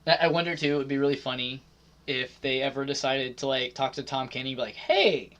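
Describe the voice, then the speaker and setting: A man co-hosting a casual gaming podcast, talking loosely with lots of filler words and frequent throat clearing. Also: mid-range voice, flat delivery, fast, fairly bright tone. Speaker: podcast co-host.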